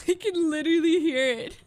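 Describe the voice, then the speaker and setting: A woman's voice: very high voice, normal speed, a little mellow, slight background noise. A young woman streaming an in-character role-play game, giggly and exclaiming.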